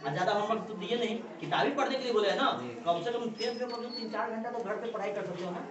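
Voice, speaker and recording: A woman teacher lectures a class and keeps checking in with quick questions to coax her students along. She is heard from across an echoey classroom, with a crowd of students clearly audible around her. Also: a little high, distant mic, highs cut off.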